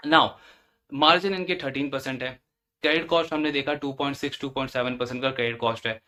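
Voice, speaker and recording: A man acting as a financial analyst offers explanatory earnings-call commentary, walking through points step by step and repeating phrases for emphasis. He talks fast in a steady, medium-pitched voice that is bright and forceful.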